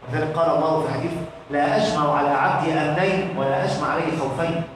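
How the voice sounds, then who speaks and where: A man's voice: on the high side, fairly even intonation, racing, a little hiss or hum. A man with an Egyptian accent giving an emphatic religious lesson, putting questions to his listeners and answering them himself. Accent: Egyptian Arabic. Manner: emphatic, with a colloquial preaching delivery. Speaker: religious teacher. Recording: echoey hall from far off.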